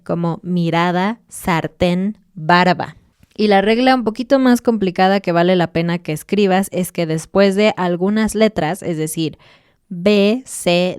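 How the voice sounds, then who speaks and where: A woman co-hosts a podcast in a relaxed teaching chat. Her voice is smooth and clear, recorded dry and close with no room sound. She explains patiently and sounds out example words. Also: fairly low pitch, no room sound. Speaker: podcast co-host.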